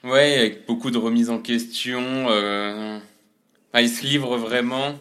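Bright-voiced laid-back male co-host. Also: medium pitch, fairly even intonation, measured pace. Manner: laid-back, short agreeing replies with fillers. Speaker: podcast co-host. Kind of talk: casual chat.

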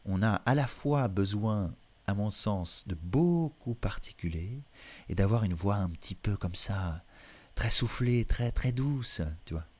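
A man, a voice coach, explaining vocal technique in an interview in an animated way, often restarting his sentences. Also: lowish voice.

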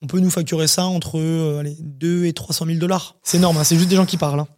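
A man's voice: a little high, steady tone, quick pace, a little mellow. A man, a startup CEO, explaining his company in a casual interview, talking with many fillers.

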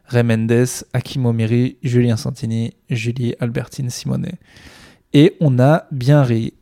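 A man's voice: mid-range voice, mellow. A man, a stand-up comedian, talking alone on his podcast in a rambling, sardonic way with many fillers. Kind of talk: casual solo podcast monologue.

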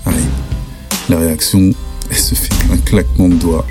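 A young man from France telling a spooky personal anecdote in lively, slangy casual speech. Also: deep voice, moderate pace, over music. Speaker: storyteller.

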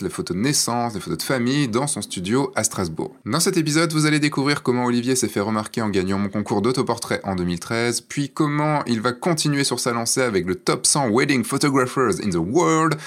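Male podcast host, mid-pitched, chatty and teasing. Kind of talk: podcast interview intro.

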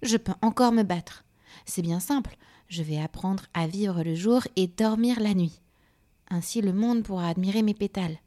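A woman's voice: medium pitch, moderate pace, mellow, close to an everyday voice. A woman voicing a young female night flower, hopeful and a little wistful, in a children's storybook. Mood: determined.

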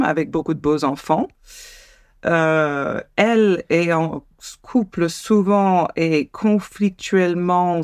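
A woman's voice: fairly low pitch, darkish tone, smooth, no echo, clean studio sound. A woman co-hosting a podcast, telling a true-crime story in a casual, chatty way with frequent hesitations.

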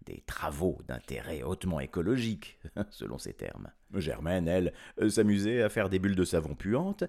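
A man telling a children's story in an animated, playful way, chuckling often. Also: low-pitched, moderate pace, creaky.

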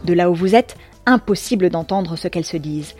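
A woman's voice: lowish voice, brisk, darkish tone, soft background music. Wry woman narrating a second-person story. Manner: wry, ironic, slangy asides.

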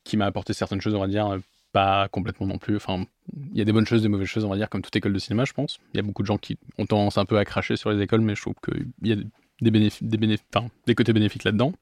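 A man's voice: on the low side, level tone, very fast, a little mellow, no echo, studio quality. A young man from England, a filmmaker guest in a casual interview, giving long rambling answers.

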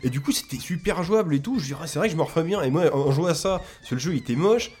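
Man, fast and animated, slightly high voice, casual ranting co-host. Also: slightly rough. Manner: animated ranting with swearing and self-mockery. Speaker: podcast co-host. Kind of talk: casual chat.

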